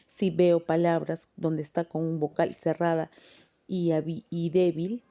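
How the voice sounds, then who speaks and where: Lady teacher, slow and patient, keeps asking right? after each point. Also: sits low, flat delivery, mellow. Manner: patient, explains step by step with frequent tag questions. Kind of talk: classroom grammar lesson. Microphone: phone voice recorder.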